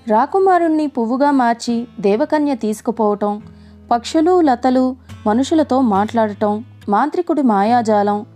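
A woman narrating a novel as an audiobook in a measured, expressive storytelling manner. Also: high-pitched. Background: faint music.

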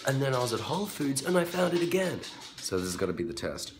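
A man's voice: medium pitch, sing-song, fast talker. A man chatting casually and enthusiastically in a daily vlog, rambling into asides. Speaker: vlogger. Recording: background music.

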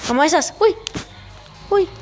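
A woman giving casual gameplay commentary for her channel, excitable and yelping often, with direct shout-outs to viewers. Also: very high-pitched, a little slow, noisy background. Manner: excitable, with frequent yelps and exclamations. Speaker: gaming channel host.

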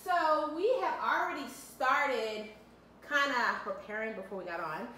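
Recorded on a camera mic several feet off, this mother in her thirties leads her children through a kids' cooking segment at home, coaching each step cheerfully. She sounds a little high and sharp, with lively intonation and a slightly slow delivery. The kitchen echoes, and there's faint noise behind her.

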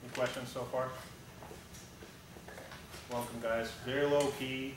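An unhurried man with a medium pitch and flat delivery, this Russian pilot in his thirties has a Russian accent and talks casually and bluntly through his slides, often saying "uh" and starting over as he stands and gestures. A distant camera in a large, echoey hangar-like meeting room records him, with a hum in the background.

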